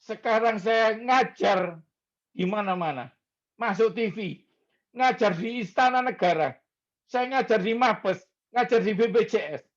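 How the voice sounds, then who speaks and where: A middle-aged man preaches a sermon in a high, unhurried voice. He tells stories with animation and acts out the voices he quotes. The recording sounds slightly dull and lo-fi. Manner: animated storytelling, acts out quoted voices, addresses congregation as "saudara".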